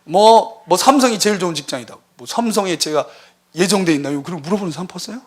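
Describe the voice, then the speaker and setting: Male missionary preacher, high voice, very animated, church sermon, storytelling. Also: fast talker. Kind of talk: lively sermon.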